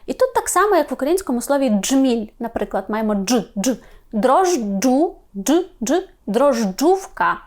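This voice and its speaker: A woman with a fairly high voice teaches pronunciation in a patient, step-by-step way. She sounds out each sound slowly and keeps checking that her listeners follow along. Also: sing-song. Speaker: Polish language teacher. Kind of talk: explaining pronunciation to learners.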